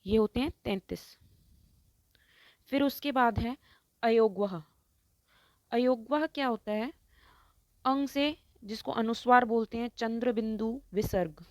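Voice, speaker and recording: A woman teaches Hindi grammar in an online lesson, taking her time and saying every example word slowly and distinctly. Her voice sits fairly high. The recording is close and dry, with no room sound. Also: darkish tone, dry recording. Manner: slow, explains step by step, keeps asking "ठीक है".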